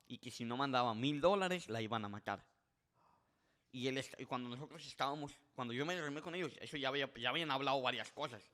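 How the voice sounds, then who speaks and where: A man telling a story casually on a podcast, acting out the voices of the people in it and often restarting his sentences. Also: mid-range voice. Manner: animated, acts out quoted voices, frequent restarts. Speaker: podcast guest.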